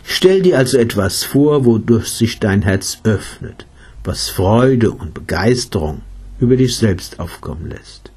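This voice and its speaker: A guy doing a patient meditation teacher, storybook, slow and gentle, warm low voice. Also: animated, breathy edge, exaggerated voice. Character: calm, kindly male meditation teacher.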